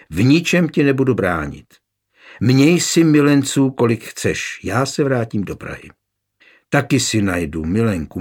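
A man with a husky voice voicing a proud nobleman coldly telling his wife he is leaving, in an audiobook. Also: mid-range voice. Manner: cold, measured.

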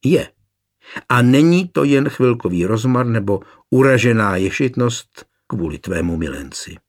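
A man's voice: mid-range voice, expressive, close to an everyday voice. A man reading a cold, proud nobleman. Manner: cold, measured. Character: proud cold nobleman leaving his wife.

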